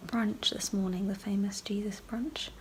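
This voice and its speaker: A woman's voice: medium pitch, fairly even intonation, moderate pace, rough recording. Young woman whispering into a phone. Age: young adult. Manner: quiet hushed whisper. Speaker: vlogger. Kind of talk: whispered vlog to a phone camera. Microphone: phone camera. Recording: phone recording with clear background noise.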